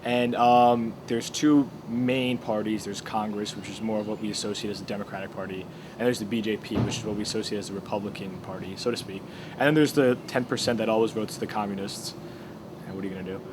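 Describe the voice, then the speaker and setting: A teenage student talks in an informal, explaining way, padding his points with ums and you-knows. His voice sits a little low. There is clear background noise, like air conditioning, under the recording. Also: fairly even intonation, quick pace. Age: teens. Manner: informal, explaining with many fillers. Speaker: student interviewee. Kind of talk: casual explanatory talk.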